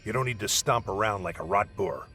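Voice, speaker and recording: A man's voice: on the low side, brisk, bright, forceful tone, soft background music. A man playing a hostile, bossy warrior leading a scouting mission in a video game, curt and scornful. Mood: stern, commanding. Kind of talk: video game dialogue acting.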